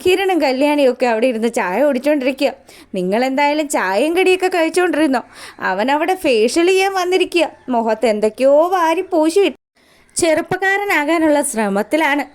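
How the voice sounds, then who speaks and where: A woman retelling a TV serial episode in a chatty, animated storytelling style. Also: high voice, fairly quick. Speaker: serial recap narrator. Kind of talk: casual storytelling recap.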